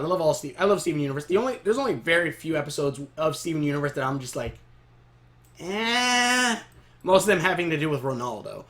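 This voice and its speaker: A man casually reviewing a cartoon episode to camera in a rambling, excitable way. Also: on the high side. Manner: rambling, excitable recap with frequent laughs.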